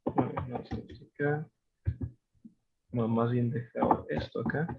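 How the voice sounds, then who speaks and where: A man's voice: medium pitch, fairly even intonation, a little slow, gravelly, a little hiss or hum. Patient male English teacher, dull sound. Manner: patient, explains step by step with frequent self-corrections. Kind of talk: online class explanation.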